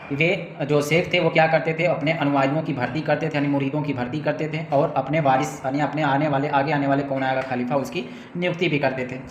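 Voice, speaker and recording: A man's voice: fairly high pitch, fairly even intonation, a little fast, few pauses, roomy sound, lo-fi sound, slight background noise. A man giving a history lesson to students, asking questions and answering them himself, with frequent checks for understanding. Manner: repeats points with frequent "theek hai" checks. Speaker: teacher. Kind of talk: classroom-style history lecture.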